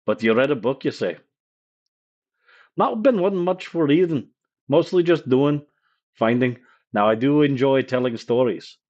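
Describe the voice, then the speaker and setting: A man's voice: mid-range voice, animated, a little slow, pauses often, darkish tone, lo-fi sound, pitched above the performer's own voice, close to an everyday voice. Man putting on a Scottish-accented camp storyteller. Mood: folksy. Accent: put-on Scottish. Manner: folksy, rough-spoken, teasing.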